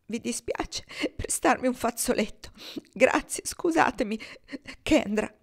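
A woman reading the part of a proud, guarded young woman, blunt and defiant, turning tearful and hushed. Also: mid-range voice, normal speed, vocal fry, natural voice.

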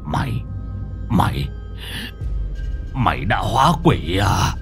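A man's voice: sits low, very animated, slow, music in the background, full character voice. A man voicing a frightened old village shaman who stammers and mutters. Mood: terrified. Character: terrified old male village shaman, shaken and trembling.

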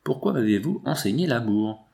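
A man's voice: medium pitch, lively intonation, normal speed, creaky, mellow. A man reading the lines of an innocent young girl who pleads passionately with her beloved in an audiobook. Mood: pleading. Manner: pleading, emotional.

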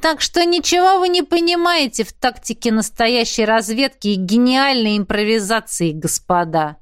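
A woman's voice: a little high, expressive, moderate pace, clear, resonant tone, dry recording, studio quality, lightly acted. A woman voicing a boastful male gnome in an audiobook who speaks in a pompous way and then turns meekly apologetic.

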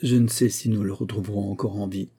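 A man voicing a distressed young gentleman in an audiobook, speaking urgently and a little higher. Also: steady tone, quick pace, husky. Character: anxious young gentleman, distressed student friend.

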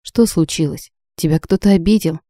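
A woman's voice: fairly low pitch, moderate pace, no room sound, clean studio sound, close to an everyday voice. Woman doing a soothing merman. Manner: gentle, pleading, soft. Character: worried kind merman man, soothing.

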